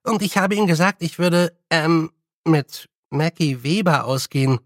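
A man's voice: a little high, unhurried, no room sound, studio quality, pitched above the performer's own voice, close to an everyday voice. A man doing a hesitant nervous witch girl. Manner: hesitant, with many fillers.

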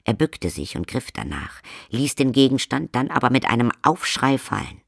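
A man narrating a comic fantasy audiobook in a wry, measured way. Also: medium pitch, big pitch swings, creaky, husky, no echo, studio quality. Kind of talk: scripted narration.

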